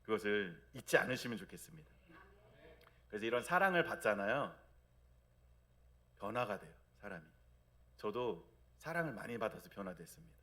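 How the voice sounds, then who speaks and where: Brief: thirties male pastor, chatty Sunday sermon, checks in with the congregation, drops soft and low for God's lines. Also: animated, brisk, pauses often. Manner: conversational, asks the congregation for agreement; acts out God's gentle speech in a soft low voice. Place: church sanctuary.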